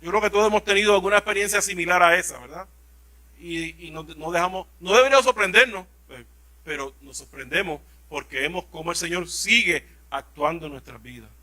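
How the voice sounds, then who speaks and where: Male pastor, Puerto Rican accent, high bright voice, sermon reading with asides. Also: a little fast. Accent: Puerto Rican Spanish. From Puerto Rico. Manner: reads scripture aloud, then explains with asides and restarts.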